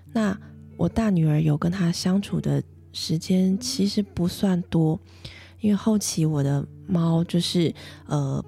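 Gravelly-voiced soft-spoken mother. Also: deep voice. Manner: gentle, reflective, soft-spoken with many fillers. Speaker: mother and vlogger. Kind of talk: casual personal storytelling.

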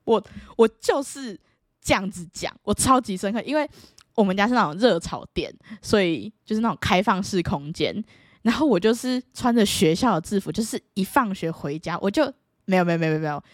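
Animated woman storyteller. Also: fairly quick, no echo, studio quality. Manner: animated, playful, bursts into high excited exclamations. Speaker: vlogger. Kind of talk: casual storytelling to camera.

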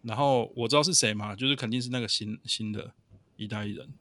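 A man's voice: medium pitch, quick pace. A man chatting on a podcast, animatedly telling a story about a coworker. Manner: animated storyteller who swears when angry. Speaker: podcast co-host. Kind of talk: casual chat, storytelling.

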